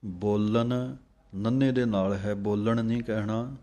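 A man teaching how to pronounce recited scripture, chanting each verse slowly and then explaining it in measured steps. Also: fairly low pitch, steady tone, mellow. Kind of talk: pronunciation lesson on recited scripture.

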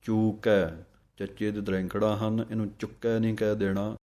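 A man teaching recitation, chanting each line slowly and deliberately, then explaining it. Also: lowish voice, completely flat delivery, dark tone. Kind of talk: pronunciation lesson with slow recitation.

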